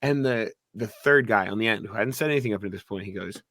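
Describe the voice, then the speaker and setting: A young man from New Hampshire, a podcast co-host, telling a story in casual chat, animated and swearing. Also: on the low side, fast talker, no room sound, clean studio sound. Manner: animated, swearing, acts out quotes loudly.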